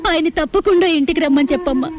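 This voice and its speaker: An actress playing a dramatic middle-aged wife in a film scene, scolding and then pleading tearfully. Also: female voice, sits high, rapid-fire, lightly acted. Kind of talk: film dialogue.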